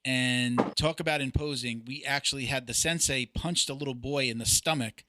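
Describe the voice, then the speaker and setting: A podcast host chats earnestly in a casual interview, sharing stories from his own life. His mid-range voice has fairly even intonation and normal speed, and he hesitates with fillers. The background is noisy.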